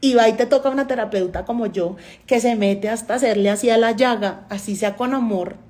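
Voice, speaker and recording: A woman's voice: fairly high pitch, a little fast, a little mellow. A Colombian woman, a doctor and therapist, giving a motivational talk to an online audience and telling stories in which she acts out the dialogue. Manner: storytelling, often acting out dialogue.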